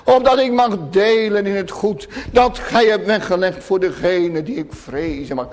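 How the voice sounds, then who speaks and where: A man preaching a sermon to his congregation, solemn and emphatic, often dropping to hushed tones. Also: high voice, normal speed. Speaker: pastor. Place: church. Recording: long church reverb.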